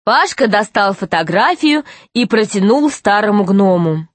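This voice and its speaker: A woman narrating a children's story aloud in a steady, expressive way. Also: medium pitch, a little slow, no room sound.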